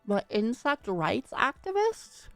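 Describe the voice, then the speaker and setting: Young woman streamer playing a game, giggly and playful, swears a lot, slightly high voice, dry close sound. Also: big pitch swings, slow, creaky, no room sound, soft background music. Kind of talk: casual gameplay commentary.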